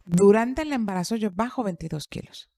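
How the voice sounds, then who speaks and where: A middle-aged woman tells a personal story in a relaxed podcast conversation. She repeats key phrases for emphasis and acts out the voices of people she quotes. Her pitch is moderate and the recording is dry, with no room echo. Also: moderate pace. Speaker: podcast speaker. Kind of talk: personal storytelling in casual chat.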